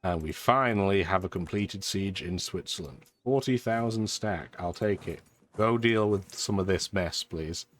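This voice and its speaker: At a measured pace, a man with a low voice casually narrates his strategy gameplay in a dry, chatty manner. Blocked sinuses and a lingering sore throat leave him sounding congested and stuffy. He's a gaming video host, with background music playing.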